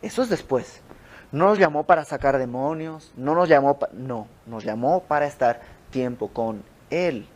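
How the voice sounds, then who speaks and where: A man's voice: medium pitch, normal speed. A young man with a Mexican accent leading an informal Bible study in a house, teaching in a conversational way and acting out the stories. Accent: Mexican Spanish. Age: young adult. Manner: conversational, animated storytelling with quoted dialogue. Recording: home recording with audio flaws.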